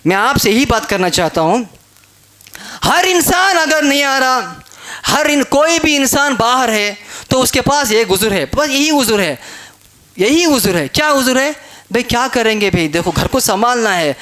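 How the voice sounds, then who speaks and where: A man preaching a Friday sermon in a mosque, emphatic and repeating rhetorical questions, sometimes shouting. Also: very high voice, expressive, moderate pace.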